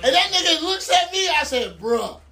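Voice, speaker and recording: A male podcast host telling a crude story in loud, laughing casual chat. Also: very high voice, big pitch swings, normal speed. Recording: echoey room with crowd noise.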